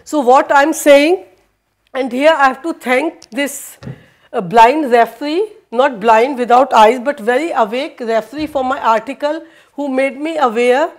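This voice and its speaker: A woman with a high voice and Hindi as her first language gives a university lecture, speaking haltingly with many fillers and restarts and switching into Danish. She's recorded from across the room by a distant camera.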